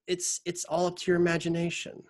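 A man's voice: high-pitched, monotone, fairly quick. A man in casual chat, explaining things in a rambling way with many fillers.

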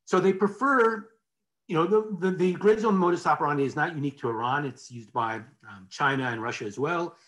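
A man with a slightly raised pitch lecturing in an easy, conversational way. He restarts phrases often and checks in with his listeners now and then. It sounds like a talk given alongside slides. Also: brisk, fairly bright tone.

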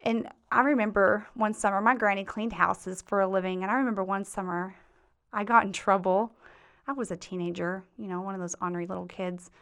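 Smooth-voiced woman hosting a heartfelt podcast. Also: mid-range voice, steady tone, fairly quick, fairly bright tone. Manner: heartfelt, reminiscing, faith-filled. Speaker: podcast host and life coach. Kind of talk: casual podcast monologue.

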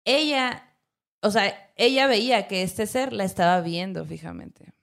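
A woman with a Mexican accent recounts a spooky tale in loose, slang-filled podcast chat. Her voice sits at an ordinary middle pitch, and she keeps the story moving with lively, animated telling. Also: a little slow, creaky. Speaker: podcast host. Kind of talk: casual storytelling.

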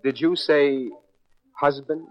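Wisecracking American radio private eye, dull sound. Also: male voice, fairly high pitch, steady tone, takes it slowly. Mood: flustered. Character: wisecracking, flustered ladies'-man private detective. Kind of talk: 1950s radio drama acting. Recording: dull old radio recording.

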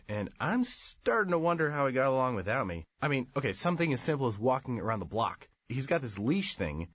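A man's voice: mid-range voice, fairly bright tone, no room sound. A man voicing a chatty adopted dog. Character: cheerful adopted shelter dog, young male.

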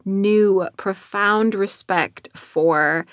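A middle-aged American woman with a North Dakota accent talks reflectively about her own work. Her delivery is unhurried and earnest, in a medium-pitched voice. The sound is dry and close, as in an author interview. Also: no echo. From North Dakota, United States. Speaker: author and narrator of own audiobook.

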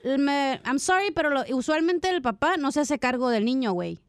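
A woman's voice: high-pitched, a little fast, dry recording, clean studio sound. A woman co-hosting a call-in radio show, blunt and full of slang. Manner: blunt, slangy, says "güey" and "la neta". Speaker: radio co-host.

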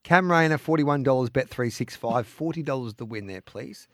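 Male podcast host, Australian, mid-pitched voice, casual betting talk in a dry studio-like sound. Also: moderate pace, no echo. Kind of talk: casual sports betting chat.

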